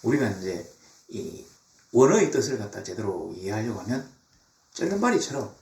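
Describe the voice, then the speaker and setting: A middle-aged man preaching a sermon as pastor, animated, now and then mimicking mocking tones. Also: on the low side, normal speed. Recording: echoey church from far off.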